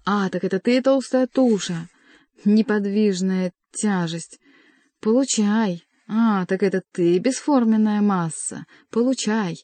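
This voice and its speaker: A woman voicing a sharp-tongued male jester who scolds and mocks as he takes his revenge. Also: medium pitch, takes it slowly, no room sound, lightly acted. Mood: mocking. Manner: mocking, scolding.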